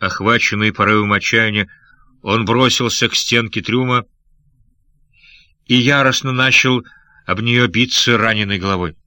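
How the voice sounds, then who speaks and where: A man narrates an adventure audiobook with a dramatic delivery. His voice is lowish but bright and forceful. The recording is dry and close to the mic. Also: steady tone, normal speed, pauses often, dry recording. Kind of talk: scripted narration.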